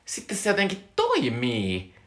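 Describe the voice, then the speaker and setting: A man's voice: mid-range voice, huge pitch swings, fairly bright tone. A man in casual chat, musing hesitantly and restarting his words. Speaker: podcast co-host discussing a film.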